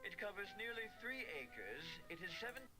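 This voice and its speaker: An actor playing a self-important, officious theater stage manager in a video game, explaining things in a pompous, deliberate way. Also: male voice, high voice, big pitch swings, music in the background. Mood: lecturing. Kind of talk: adventure game voice acting.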